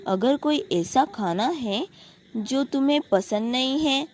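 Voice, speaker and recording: A woman voicing a calm, caring male duke who speaks gently and reassuringly to his adopted daughter, in a storybook retelling. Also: high voice, slow. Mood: gentle.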